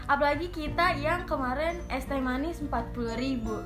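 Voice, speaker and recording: A woman's voice: high voice, a little fast. A young woman with a Jakarta accent co-hosting a podcast in casual, teasing Jakarta slang. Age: young adult. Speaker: podcast co-host. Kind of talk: casual chat. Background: music.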